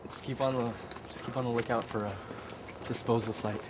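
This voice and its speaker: A man's voice: mid-range voice, fairly even intonation, a little fast. A man on a forest hike, swearing in mock outrage during comic vlog banter, filmed on a handheld camera outdoors. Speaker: hiking companion. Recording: loud outdoor noise.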